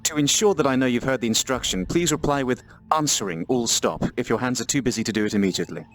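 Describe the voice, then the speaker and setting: A man's voice: medium pitch, lively intonation, racing. Theatrical man as a pompous captain. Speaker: player voicing a starship captain. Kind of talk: comedic in-character gameplay.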